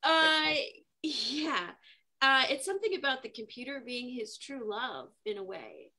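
A woman's voice: high-pitched, very animated, a little slow, bright, forceful tone. A woman improvising a sitcom scene, earnest and musing as she thinks aloud. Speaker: improv comedy performer.

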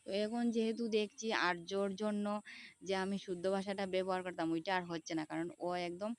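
A woman's voice: mid-range voice, steady tone, a little fast, dry recording. A woman in her thirties with a Sylheti accent, talking casually to her viewers from beside a pond, repeating herself as she explains. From Tripura, India. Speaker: vlogger. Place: outdoors by a pond.

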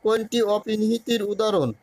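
A man tutoring for an exam, reading out grammar questions and then giving each answer in a measured way. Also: high voice, steady tone, darkish tone, no room sound, low-quality recording.

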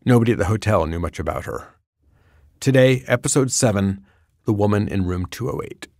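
Low-voiced man narrating a radio documentary. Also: animated, vocal fry, darkish tone, no room sound, studio quality. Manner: measured, storytelling delivery. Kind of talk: scripted narration.

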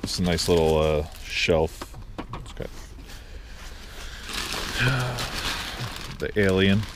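This middle-aged reseller talks to himself very slowly while clearing out a crowded storeroom, his low voice carrying lively intonation. A body-worn camera captures it all, with noisy audio typical of handheld gear.

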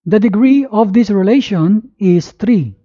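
A woman reading a scripted lesson as if dictating, word by word with pauses, spelling out letters and punctuation. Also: medium pitch, lively intonation, dark tone, highs cut off. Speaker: math lesson presenter. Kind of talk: scripted lesson narration, read aloud.

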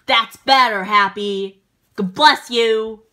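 A woman's voice: fairly high pitch, slow pace, pushed and bright, voice pushed down. A woman voicing a brash, impatient teenage boy who scolds and coaches his sneezing friend in a plush toy comedy skit. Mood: instructive. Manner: exasperated scolding, casual slang.

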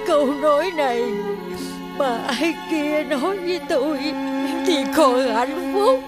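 An actress playing a lonely single woman with a Southern Vietnamese accent, plaintive and wistful, quick to scold. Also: high-pitched, over loud music. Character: lonely single woman, self-pitying then sharp-tongued. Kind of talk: comic TV drama acting.

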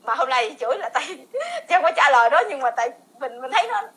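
Racing along with lively intonation, this woman's high-pitched voice is fairly bright and slightly rough. In her forties and speaking with a Southern Vietnamese accent, she delivers a heated, rambling, repetitive vlog rant with bursts of laughter.

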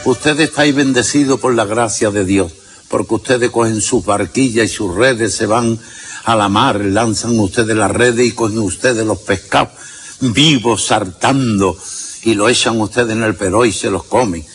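A man with a fairly low voice tells a joke in an unhurried way, picked up from some distance, with faint music behind him. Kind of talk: telling a joke among friends.

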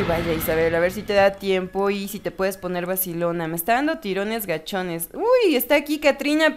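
A woman gives playful, giggly let's-play commentary, reading game text aloud and often correcting herself. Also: medium pitch. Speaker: gaming video host.

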